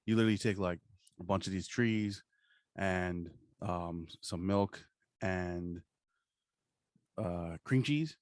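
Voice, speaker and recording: An American podcast co-host from New Jersey rambles through casual, comedic chat full of swearing and slang. His deep, darkish voice is slow with long pauses, and there's no room sound.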